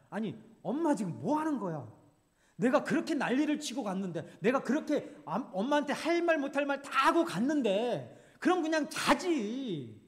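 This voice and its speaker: A man's voice: a little high, a little mellow. A male pastor preaching a sermon in an earnest, vivid storytelling manner.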